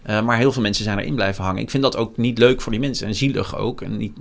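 A man in his forties, a news journalist, talking frankly and reflectively in an interview, often pausing with hesitations. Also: on the low side, vocal fry. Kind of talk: candid interview conversation.

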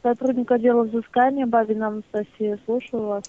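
A woman's voice: a little high, flat delivery, a little fast. A woman working as a bank collections agent on a phone call, curt and dismissive. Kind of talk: customer service phone call. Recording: tinny, narrow-band phone line.

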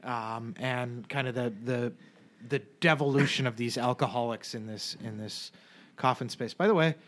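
A man with a mid-range, slightly bright voice trades casual banter as a podcast co-host, speaking at normal speed. He's jokey and rambling and restarts often. A little hiss or hum is audible.

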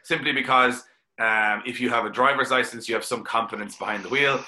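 A man's voice: medium pitch, fairly even intonation, brisk, bright, forceful tone. A man with an Irish accent, a guest on a podcast, chatting casually and opinionatedly with many restarts. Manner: opinionated, loose rambling with restarts. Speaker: podcast guest, drifting driver.

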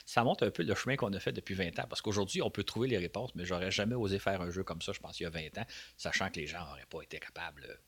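A man's voice: low voice, quick pace, a bit bright, slightly rough. An older man with a Quebec French accent, chatting and explaining casually as an expert co-host. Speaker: co-host, space history expert. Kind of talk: casual explanatory radio chat.

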